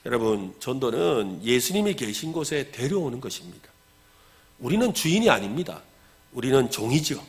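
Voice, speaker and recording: Animated Korean pastor with a lively voice. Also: male voice, a little high. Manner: animated preaching, acts out quoted lines loudly, asks the congregation questions. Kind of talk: sermon.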